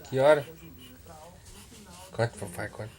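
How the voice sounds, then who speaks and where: A man's voice: medium pitch, measured pace. A man, chatting playfully with his baby in a home video, teasing her in baby talk. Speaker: father talking to his baby. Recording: home video with loud background noise.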